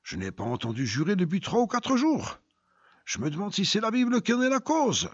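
A man voicing an excitable, curious drinking companion. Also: high voice, fairly quick, dry recording, pitched above the performer's own voice. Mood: musing. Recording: dull lo-fi recording.

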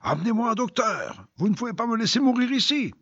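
A man's voice: very high voice, sing-song, fast, breathy edge, pitched above the performer's own voice, exaggerated voice. A man voicing a desperate dying man who cries out frantically. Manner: shouting, frantic. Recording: dull lo-fi recording.

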